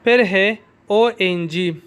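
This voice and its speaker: A man with an Urdu accent teaching a recorded language lesson, explaining slowly and repeating each sound for students. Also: high-pitched, a bit bright, clear, resonant tone. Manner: slow, careful explanation with drilled repetitions.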